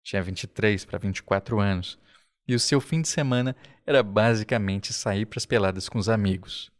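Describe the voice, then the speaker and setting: A man with a Brazilian Portuguese accent, narrating a documentary podcast in a slow, reflective way. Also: lowish voice. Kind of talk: scripted narration. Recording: faint music underneath.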